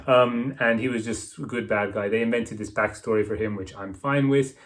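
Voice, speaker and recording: A man's voice: lowish voice, steady tone, normal speed. A man giving a casual, opinionated review to camera, rambling with lots of fillers and tag questions, talking enthusiastically into a close mic. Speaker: book and film reviewer.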